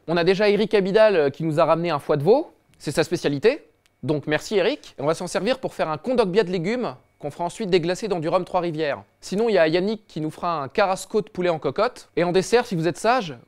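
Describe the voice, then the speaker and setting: A man's voice: sits high, a little mellow. A man voicing a jovial football coach who briefs his team like a TV chef reading a recipe. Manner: chirpy recipe-show chatter.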